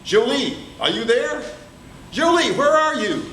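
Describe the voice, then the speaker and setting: A man's voice: extremely high pitch, very animated, measured pace, fairly bright tone, voice pushed up, full character voice. A man voicing a bashful, smitten trapper from a tall tale, with singsong calls and shy stammering. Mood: calling out. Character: bashful, smitten male trapper calling on his sweetheart. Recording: distant, echoey room with background noise.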